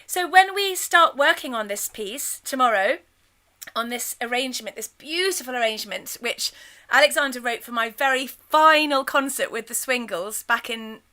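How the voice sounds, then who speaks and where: A middle-aged woman leading a choir course, chatting warmly and breaking into sung demonstrations. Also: on the high side, expressive, normal speed. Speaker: choir leader teaching a course. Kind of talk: enthusiastic spoken lesson with sung demonstrations.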